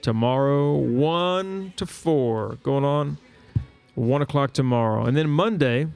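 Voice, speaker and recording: A man co-hosting a casual live talk show from a bar, reading out local events with relaxed fillers. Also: mid-range voice, slow pace, creaky, clean tone, faint music behind. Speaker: show co-host. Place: bar and grill.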